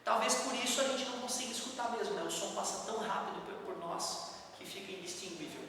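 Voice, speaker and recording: A man's voice: high voice, fast talker, sharp tone. A man teaching a physics lesson, explaining each step patiently and tossing casual asides to his students. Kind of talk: classroom lecture. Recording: very echoey, distant, faint background noise.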